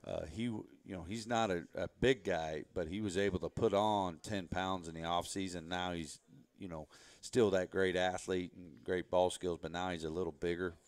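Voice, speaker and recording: A man speaking as a head football coach in a relaxed interview, rambling a bit as he explains. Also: sits low, normal speed, no room sound. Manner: relaxed, rambling, frequent "you know" fillers. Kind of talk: casual interview talk.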